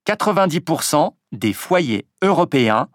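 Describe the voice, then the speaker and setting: A man reading a text aloud as a dictation, pronouncing each punctuation mark in a lower voice. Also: very animated, dry recording, studio quality. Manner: measured and deliberate, drops pitch on spoken punctuation marks. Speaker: dictation reader. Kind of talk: slow French dictation, punctuation spoken aloud.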